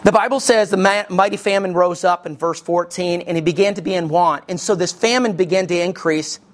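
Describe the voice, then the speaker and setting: Man, pastor, sermon, high-pitched, folksy storytelling. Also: fairly quick. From Alabama. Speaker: lead pastor.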